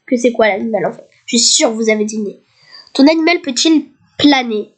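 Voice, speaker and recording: A woman with a slightly hoarse voice, playing a guessing game in casual commentary, reading each question aloud and then answering it casually. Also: on the high side, a little fast. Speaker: youtuber.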